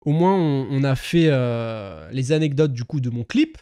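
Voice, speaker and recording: A man's voice: medium pitch, sing-song, unhurried, mellow, clear, resonant tone, no room sound. A young man chatting casually on a live stream, rambling with many fillers, swearing and laughing at himself.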